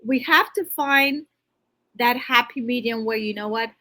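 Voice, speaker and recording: Woman, high-ish voice, financial coach, natural unscripted talk, emphatic, motivational, conversational interview. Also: measured pace, sharp tone. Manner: natural unscripted talk, restarts mid-thought; emphatic, motivational, addresses listener directly.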